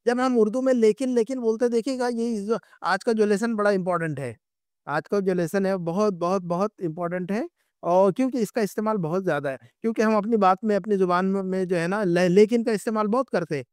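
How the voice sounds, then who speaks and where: A man teaches an Arabic lesson online. His voice sits high and sounds smooth and clear, recorded dry and close. He goes patiently, repeating each point and checking in with his students. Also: dry recording. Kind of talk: online class lecture.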